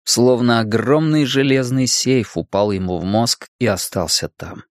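Steady male audiobook narrator, dry close sound. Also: no echo. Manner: measured, steady reading that drops low on grim lines. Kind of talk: scripted narration.

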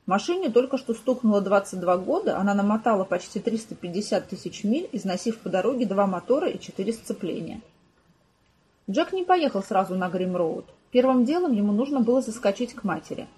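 A woman reads an audiobook in an even, measured storytelling manner. Her voice is mellow and dark. It has a soft husky grain. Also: mid-range voice, poor audio. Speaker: audiobook narrator. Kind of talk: scripted narration.

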